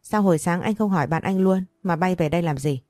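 A woman voicing an angry older father who speaks in rapid, furious bursts. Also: lowish voice, dry recording, close to an everyday voice. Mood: stern. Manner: furious, rapid shouting threats.

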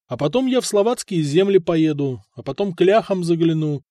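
Audiobook: male narrator as a cold, stubborn prince, firm and cutting, fairly high voice, dry close sound. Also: lively intonation, brisk, mellow, dry recording, lightly acted. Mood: stern. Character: stern, cold middle-aged prince, stubborn ruler.

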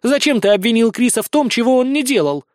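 A man's voice: very high-pitched, expressive, quick pace, no room sound, studio quality, voice pushed up. A man voicing a bold, defiant young tiger-woman warrior who speaks in a ringing, sarcastic tone.

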